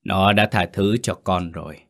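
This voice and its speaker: A man voicing a calm Buddhist exorcist master in a spoken ghost story, measured and admonishing. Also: low-pitched, creaky. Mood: solemn.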